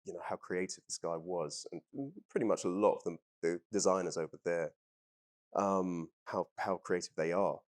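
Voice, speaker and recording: Deep-voiced man, rambling and relaxed. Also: moderate pace. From Trinidad and England. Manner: relaxed, rambling with many ums and restarts. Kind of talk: casual interview talk.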